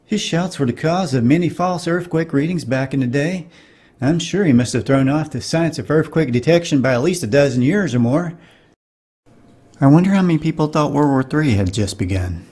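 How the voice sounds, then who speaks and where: A man's voice: a little high, animated, moderate pace, a little mellow, slightly rough. A middle-aged man giving wry, nostalgic comedic narration for a cartoon.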